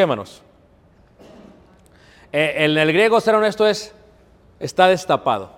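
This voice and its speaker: A man's voice: on the high side, big-room sound. A man preaching a sermon, earnest and emphatic, calling his listeners brothers. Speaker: pastor.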